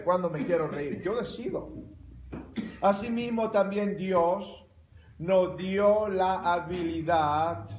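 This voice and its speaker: A male pastor preaching a sermon, animated and emphatic, with bursts of loud exclamation. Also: high voice, reverberant, dull audio, slight background noise. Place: church sanctuary.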